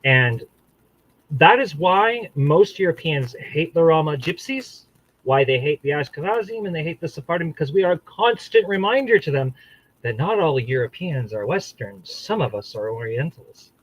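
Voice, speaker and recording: A man's voice: on the high side, lively intonation, moderate pace, fairly bright tone, no room sound, low-quality recording. Profane, combative ranting man. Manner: rambling with frequent restarts. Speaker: channel host. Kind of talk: ranting solo monologue.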